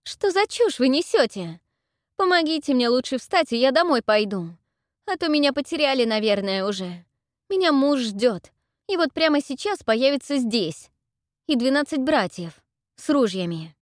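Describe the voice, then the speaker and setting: A defiant young heroine yells in shrill exasperation, as a woman reader puts her on. She has a storybook feel and the recording is dry and close. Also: very animated, takes it slowly, no echo, exaggerated voice. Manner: shouting, exasperated.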